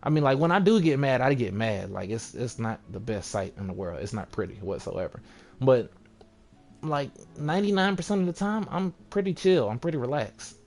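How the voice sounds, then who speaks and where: Young male vlogger, casual rambling rant, mid-pitched, faint music bed. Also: expressive, normal speed, darkish tone. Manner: laid-back, rambling, sarcastic mock voices.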